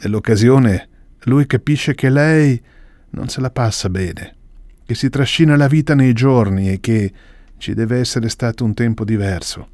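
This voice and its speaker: A man reading a literary passage aloud with a lively pitch, slowing on key phrases. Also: dry recording. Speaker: reader.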